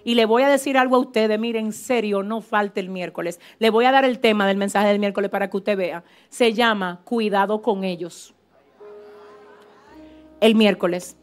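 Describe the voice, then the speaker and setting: A woman pastor preaching a fervent, animated sermon in a church service, with asides to the congregation. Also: mid-range voice, normal speed, faint music behind.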